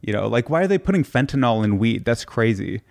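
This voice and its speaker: A man's voice: medium pitch, big pitch swings, a little fast, vocal fry, darkish tone. A man hosting a podcast in casual, musing conversation, joking and swearing freely. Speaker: podcast host.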